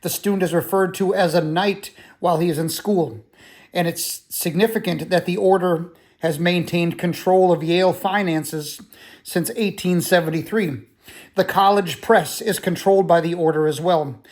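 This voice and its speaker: A man reading a nonfiction book aloud as an audiobook narrator, in a steady, measured way with the odd restart. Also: sits high. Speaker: audiobook reader.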